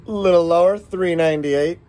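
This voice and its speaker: A middle-aged American shop owner demos airguns in a casual vlog, rambling in a folksy way as he walks viewers through the shot results. His voice is fairly high and a little mellow, at a moderate pace, with slight background noise.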